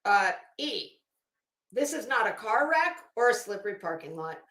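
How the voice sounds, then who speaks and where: In an echoey room, a woman commentator performs a legal motion aloud and mocks it as she goes, blunt, sarcastic, taunting, emphatic and profane. She has a mid-range, fairly bright voice that swings widely in pitch at a moderate pace. She works as an online commentator.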